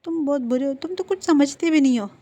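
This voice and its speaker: A woman's voice: high voice, fast talker, warm tone, voice pushed up, close to an everyday voice. A woman voicing a petulant young man who pouts and stammers. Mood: sulky. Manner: pouting, stammering.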